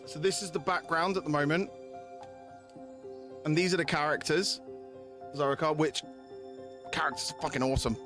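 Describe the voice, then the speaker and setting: Chatting informally with his livestream audience, this game streamer swears freely, repeats himself often, and pauses a lot while speaking at normal speed. His voice sits fairly high with fairly flat intonation; he's an adult parent of young children, and clear background music runs under him.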